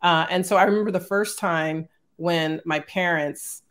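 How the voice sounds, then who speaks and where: A middle-aged woman, an executive, telling childhood stories as an interview guest over a video call, animated and laughing often. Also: lowish voice, measured pace. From born in Germany, raised in Northern California. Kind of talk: casual storytelling.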